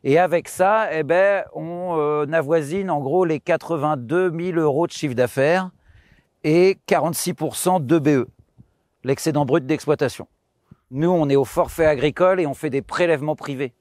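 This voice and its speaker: A man's voice: fairly high pitch, normal speed, darkish tone, no echo, studio quality. A man in his thirties explaining his farm outdoors on a tour, casual and hesitant with many fillers. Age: 30s. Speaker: farmer giving a farm tour.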